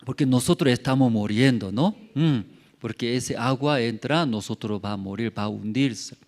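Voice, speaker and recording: A male pastor preaching a sermon in a church, full of rhetorical questions and repeated words, rising to loud calls and dropping to near murmurs, with some non-native grammar. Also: mid-range voice, moderate pace.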